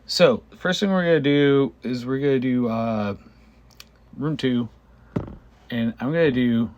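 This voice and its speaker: Slow-talking man with a cough, gaming. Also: medium pitch, no room sound, dull audio. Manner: halting, hesitant, thinking aloud. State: coughing and clearing throat. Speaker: gamer narrating own gameplay video. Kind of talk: casual gameplay commentary.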